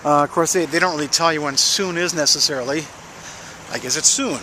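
A man's voice: a little high, brisk, bright, forceful tone. A middle-aged American man giving a casual, rambling walk-and-talk update, musing aloud into a handheld camera outdoors by a road. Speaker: public access TV presenter and weatherman. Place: outdoors beside a busy road and construction fence. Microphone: handheld camera at arm's length. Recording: noisy outdoor roadside handheld recording.

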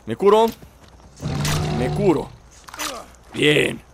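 An excitable young man with a Mexican accent narrates his gameplay in a high, lively voice that jumps up and down. He chatters to his companion as he plays. Game music runs steadily behind him. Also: extremely slow, gravelly. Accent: Mexican Spanish. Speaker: gameplay channel host. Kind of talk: let's play commentary.

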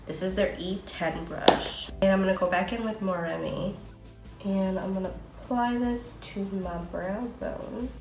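A chatty woman in her late twenties talks through her makeup steps one by one in a casual, friendly vlog manner. Her mid-pitched voice rings a little in an echoey room, with faint music playing behind her. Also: measured pace, creaky. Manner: chatty, friendly, narrates each step. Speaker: makeup vlogger. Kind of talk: casual makeup tutorial chat.

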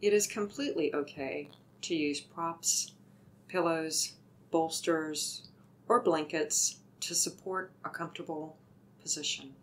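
Speaking slowly and with great care, a woman with a deep voice guides listeners through a meditation. Every instruction comes across gently, and her tone is calm and soothing.

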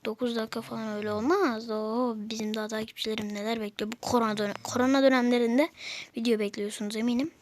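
A woman's voice: fairly high pitch, steady tone, fast talker, a little mellow, a little hiss or hum. A woman giving casual gameplay commentary to her followers, grumbling and exasperated at the game. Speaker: gameplay video maker.

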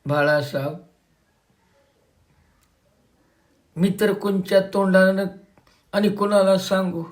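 A man voicing a heartbroken old village man who pleads through tears in rustic speech. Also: medium pitch. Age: older.

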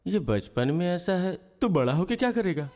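A man's voice: high-pitched, sing-song, moderate pace, a little mellow, big-room sound. A man dubbing a film role as a curious, polite prison inmate who keeps asking questions.

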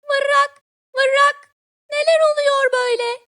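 A woman voicing a young, easily alarmed frog who croaks and frets in a children's story. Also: animated, a little slow. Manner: shrill croaking cries.

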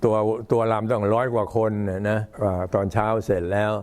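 Older male monk, low-pitched old man's voice, halting and unhurried, informally recounting temple history. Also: steady tone, a little mellow. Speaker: Buddhist monk addressing temple visitors.

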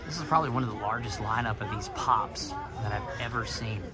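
A man's voice: on the low side, fairly quick, a loud crowd. A man narrating a casual walking tour of a big store on a handheld phone, pointing things out as he goes. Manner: upbeat, points things out as he walks. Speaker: vlog host. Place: large store, then indoors in a car. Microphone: handheld phone camera. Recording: loud music behind the voice.

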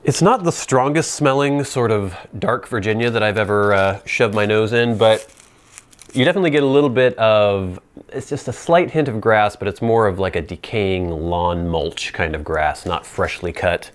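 A man in his thirties or forties giving an informal product review to camera, explaining in a measured, casual way with playful asides. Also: on the low side. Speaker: pipe tobacco reviewer. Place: small indoor set with plain backdrop. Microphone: lapel mic.

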